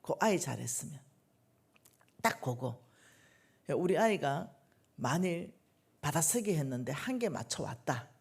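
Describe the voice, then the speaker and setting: A middle-aged woman preaching a revival sermon in a church, animated and preacherly, swinging between soft asides and loud bursts. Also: deep voice, measured pace, gravelly, long pauses, husky. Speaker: lay minister preaching at a church revival meeting.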